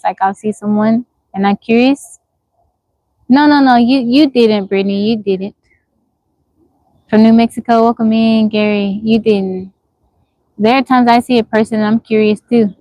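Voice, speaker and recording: Speaking from the woods on an easygoing livestream, a woman in her forties reads viewers' comments and answers plainly, asking questions and circling back to repeat herself. Her voice sits a little high and sounds slightly mellow. The recording is dry, with poor audio quality.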